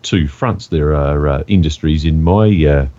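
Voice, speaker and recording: Man, very low voice, measured and hesitant, casual podcast chat, slightly dull recording. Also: warm tone. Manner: measured, hesitant with many uhs. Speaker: podcast co-host.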